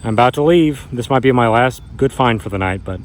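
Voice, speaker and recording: Speaking a little fast in a mid-range voice, a man in his thirties hosts a laid-back treasure-hunter vlog. He marvels aloud at his finds and talks right to viewers while detecting outdoors in grassy, wooded spots, with insects and traffic audible in the background.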